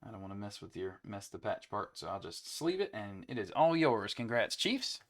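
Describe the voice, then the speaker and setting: Opening card packs on a trading card break he hosts, a young adult man keeps up easygoing chat and calls out player names in between. His voice is on the low side and very animated, at a normal speed.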